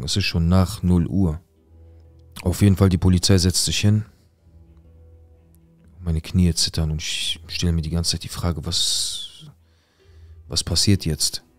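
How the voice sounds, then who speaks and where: Deep-voiced man telling a tense personal story. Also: steady tone, moderate pace, long pauses, soft background music. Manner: earnest and tense, with repetition for emphasis. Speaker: storyteller recounting his own past.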